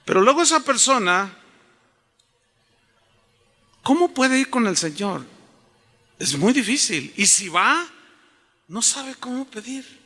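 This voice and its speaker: Animated pastor preaching in a hall. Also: male voice, extremely high pitch, takes it slowly, long pauses. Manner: animated, storytelling, addresses the congregation. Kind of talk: sermon. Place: church auditorium. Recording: reverberant auditorium.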